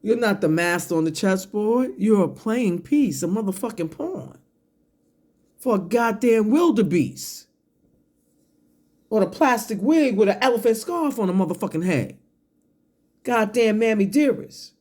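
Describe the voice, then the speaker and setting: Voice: medium pitch, lively intonation, a little slow, long pauses, darkish tone. A person delivering a confrontational, profane online rant, drawing words out emphatically one at a time. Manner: sipping a drink between phrases, coughing and clearing throat.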